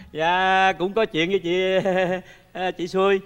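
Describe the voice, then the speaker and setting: Flirty excitable matchmaker, bright high voice, long hall reverb. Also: male voice, takes it slowly, clean tone. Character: flirtatious middle-aged male matchmaker. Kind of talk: stage comedy sketch.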